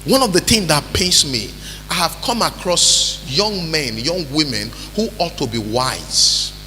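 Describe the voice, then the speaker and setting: A Nigerian man preaching a sermon as pastor, calling out to the congregation and building to shouts. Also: a little high, slight background noise. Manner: preaching with call-and-response, rising to shouts. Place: church hall. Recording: reverberant church hall with music.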